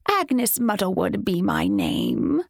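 Storybook hag, old and cackling, woman doing the voice, high and sly. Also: big pitch swings, vocal fry, no room sound, clean studio sound, full character voice. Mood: mocking. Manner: slow, mocking and sing-song.

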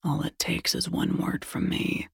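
A woman's voice: deep voice, lively intonation, slow, creaky, darkish tone, husky, no room sound, heavily acted. A woman voicing a controlling man who murmurs menacing threats close up.

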